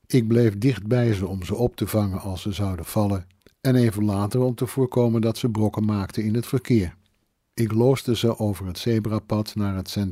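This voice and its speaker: A man reading a first-person story as an audiobook narrator, in a measured, even manner. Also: on the low side, dry recording. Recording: dry close studio sound.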